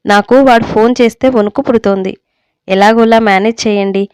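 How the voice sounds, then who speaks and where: A woman's voice: mid-range voice, steady tone, brisk, a little mellow, clear, resonant tone, no room sound, natural voice. A woman voicing a worried, strong-willed middle-aged mother in a read-aloud story, speaking in a scolding, insistent way. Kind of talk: storybook reading.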